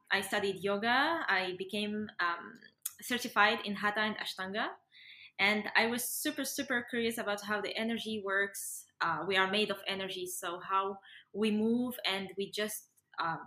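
This casual podcast guest is a young adult Moroccan woman, a yoga and breathwork facilitator, whose medium-pitched voice sounds pushed and bright. The sound is roomy and echoey.

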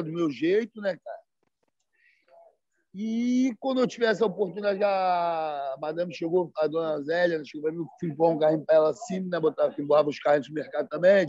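Slangy high-voiced Rio man telling stories. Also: mellow, no echo. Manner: slangy, peppered with "sacou" and "né, cara"; acts out quoted dialogue in livelier voices. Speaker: guest. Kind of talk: casual storytelling. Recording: dry, slightly dull sound.

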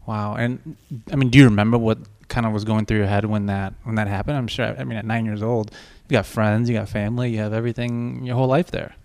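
A man's voice: fairly low pitch, fairly even intonation, fast talker, few pauses, darkish tone. A man hosting a podcast interview, talking in a friendly way and often restarting his phrases. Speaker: podcast host. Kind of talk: casual interview conversation.

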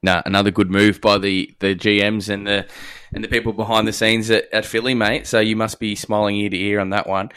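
Man, Australian accent, low voice, flat intonation, podcast host, casual sports talk. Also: fairly quick, clean tone.

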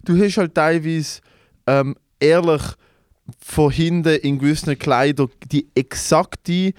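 Teasing Swiss German podcast host. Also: male voice, slow, no echo, clean studio sound. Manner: teasing, laughs often, jumps in high when joking. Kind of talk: casual banter. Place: small studio room.

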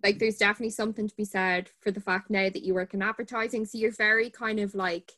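A woman's voice: medium pitch, steady tone, fast talker, pushed and bright. A woman in her twenties with an Irish accent, hosting a podcast in an informal, conversational way. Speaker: podcast host, barrister.

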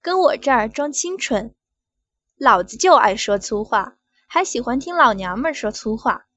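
A woman's voice: fairly high pitch, animated, normal speed, a bit bright, no room sound, highs cut off. A woman reading the part of a crude, domineering middle-aged male official in an adult audio story, barking his lines. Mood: bullying.

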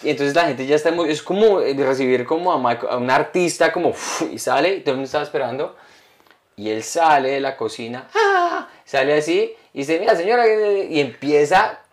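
Animated man telling comedy stories. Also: a little high, brisk. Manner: animated, rambling storyteller. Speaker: podcast co-host and comedian. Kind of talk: casual podcast chat.

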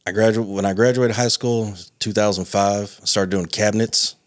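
A man in his thirties talking casually as a podcast guest, relaxed and swearing freely. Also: fairly low pitch, normal speed, no echo, clean studio sound. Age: 30s. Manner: laid-back, swears casually.

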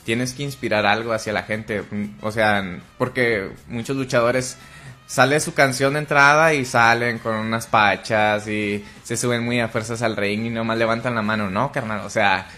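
A man with a Mexican Spanish accent, a wrestler guest, chatting casually in a slangy, relaxed and animated way. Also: mid-range voice, normal speed, faint music behind. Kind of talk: casual chat.

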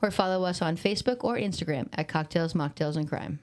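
A woman's voice: fairly low pitch, brisk. A woman co-hosting a podcast, making playful quips and laughing in casual chat. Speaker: podcast co-host. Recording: noisy background.

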